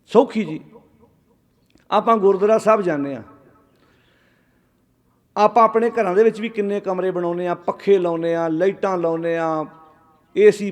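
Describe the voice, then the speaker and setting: A man giving a Sikh sermon, asking rhetorical questions and calling on the congregation to answer aloud. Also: high voice. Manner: calls on the audience to answer aloud. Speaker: Sikh preacher.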